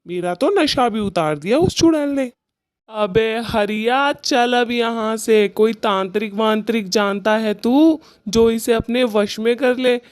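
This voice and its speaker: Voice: medium pitch, slow, smooth, no echo, studio quality, close to an everyday voice. A performer voicing a frightened, whining man who owns a mango orchard, in a cartoon story. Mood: panicky. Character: panicky male mango-orchard owner, cowardly.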